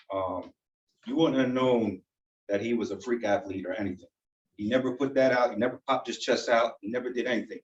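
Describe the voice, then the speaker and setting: A man's voice: medium pitch, slight background noise. A man, a youth football coach, speaking earnestly with frequent ums in a tribute at a council meeting. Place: council chamber. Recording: dull, echoey room from far off.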